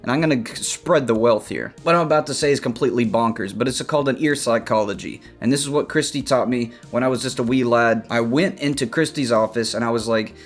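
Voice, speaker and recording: A man's voice: mid-range voice, quick pace, hardly any pauses, soft background music. Brash, mock-tough man talking art. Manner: brash, mock-tough trash talk, playful. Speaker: animation character designer teaching art. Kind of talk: casual art breakdown commentary.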